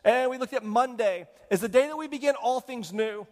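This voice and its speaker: A man's voice: very high voice, brisk, long reverb tail. A male pastor preaching a conversational sermon and asking the congregation questions. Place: church sanctuary.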